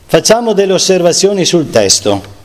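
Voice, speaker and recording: A man preaching a sermon, reading scripture aloud slowly and measuredly, with pauses and restarts. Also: high-pitched, big pitch swings, a little hiss or hum. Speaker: preacher giving a Bible talk. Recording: long hall reverb.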